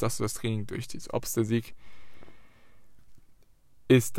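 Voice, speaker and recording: A man's voice: medium pitch, darkish tone, dry recording. A man giving a motivational monologue, speaking earnestly and straight to the listener with repeated questions and the odd curse word. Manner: emphatic, occasional swearing.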